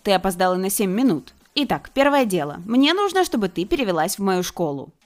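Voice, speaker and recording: A woman's voice: mid-range voice, big pitch swings, brisk, close to an everyday voice. A woman voicing a rich, cold young man who blackmails a girl, speaking in a curt, commanding way.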